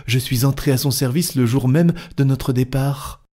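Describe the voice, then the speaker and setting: A man voicing a chatty, excitable young French manservant in an audiobook, talking eagerly and fast. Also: mid-range voice, pitched above the performer's own voice, lightly acted. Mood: excited. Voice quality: eager, quick, talkative. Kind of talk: audiobook character voice.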